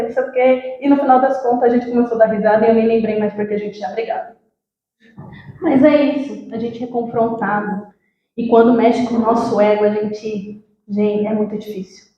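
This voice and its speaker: A woman with a Brazilian accent preaching a sermon, telling a personal story and acting out the dialogue while addressing the congregation. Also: a little high. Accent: Brazilian Portuguese. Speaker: church worker preaching. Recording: very echoey, dull lo-fi sound.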